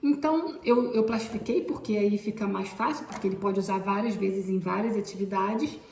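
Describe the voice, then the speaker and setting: A woman's voice: mid-range voice, moderate pace, vocal fry, darkish tone, roomy sound, slight background noise. A woman teacher, explaining classroom activities step by step and often pointing things out. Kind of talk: instructional explanation.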